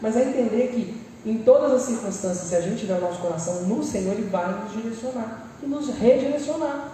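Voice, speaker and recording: A woman with a Brazilian accent preaching a lively sermon and acting out people's prayers with humorous asides. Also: on the high side, brisk, slight background noise. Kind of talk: church sermon. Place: large church hall. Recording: echoey church hall, mic far off.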